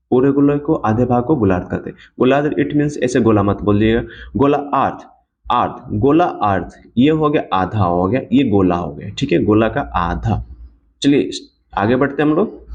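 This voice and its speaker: A man's voice: mid-range voice, a little mellow. A man teaching an exam coaching lecture, who repeats key points and asks and answers his own questions. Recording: dull lo-fi sound.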